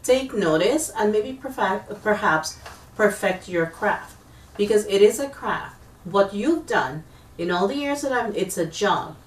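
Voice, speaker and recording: A woman's voice: mid-range voice, animated, unhurried, a little hiss or hum. A woman hosting a TV talk show, asking chatty questions and praising her guest. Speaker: TV host and MC. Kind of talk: interview host. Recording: echoey room, far from the mic.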